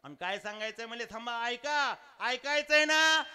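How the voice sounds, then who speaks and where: A man with a Marathi accent preaches a devotional kirtan in a very high-pitched, smooth voice at normal speed. In this live outdoor sermon with accompanying music, he animatedly tells a story, acts out village voices and breaks into sung verses.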